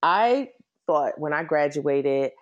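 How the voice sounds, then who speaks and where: A woman's voice: low voice, animated, slow, dull audio. A middle-aged American woman with a Washington, DC accent, telling her own story conversationally as an interview guest. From Washington, DC, United States. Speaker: interview guest, nonprofit executive.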